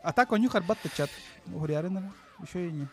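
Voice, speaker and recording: A man's voice: sits high, lively intonation, fast talker. A man chatting informally as a video game streamer, with some swearing. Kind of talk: casual gaming stream chat. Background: faint music.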